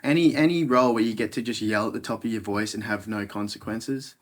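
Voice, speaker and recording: A man's voice: lowish voice, fast. An Australian man, an actor, chatting in a casual interview.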